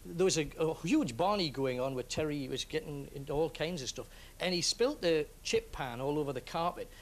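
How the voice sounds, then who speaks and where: A man hosting a lively TV chat show in a studio, teasing and joking with his guests. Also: fairly high pitch, fairly quick. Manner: jokey, teasing, playful. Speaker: TV show host. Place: TV studio with audience.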